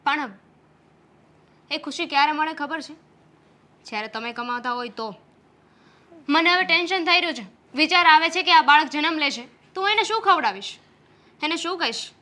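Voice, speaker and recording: A woman's voice: sits high, normal speed, bright, forceful tone. A young woman playing a frustrated pregnant wife who scolds her husband in a family drama. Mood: anxious. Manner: scolding, reproachful.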